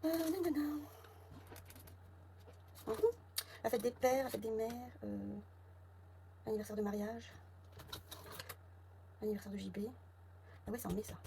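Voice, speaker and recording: A woman's voice: medium pitch, fairly even intonation, moderate pace, pauses often, dark tone. A woman with a southern French accent, a budget vlogger who thinks aloud and mutters sums and figures under her breath while counting her envelopes at home. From south of France. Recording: clear background noise with clicks.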